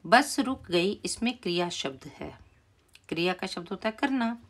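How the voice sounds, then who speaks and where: A woman teacher slowly and patiently explaining a primary school Hindi lesson, repeating key words for the children. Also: fairly low pitch, animated, husky.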